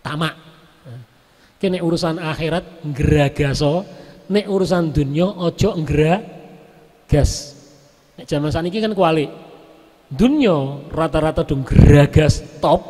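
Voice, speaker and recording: A man's voice: a little high, measured pace, long pauses. A male preacher giving a storytelling sermon, mixing words into his speech. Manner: mixes Javanese words into Indonesian, lively storytelling. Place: main prayer hall of a large mosque. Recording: long echo of a large prayer hall.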